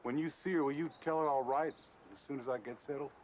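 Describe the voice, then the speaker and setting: An actor playing a remorseful, withdrawn man, halting and reticent, in a film drama. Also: medium pitch, fairly even intonation, darkish tone, a little hiss or hum, lightly acted. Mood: remorseful, resigned. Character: remorseful, withdrawn man leaving home after a trial. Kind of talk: naturalistic film drama acting.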